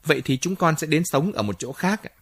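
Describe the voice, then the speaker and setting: A man's voice: medium pitch, expressive, measured pace, a bit bright, no room sound, studio quality. A man playing a determined young man in love, speaking earnestly and firmly.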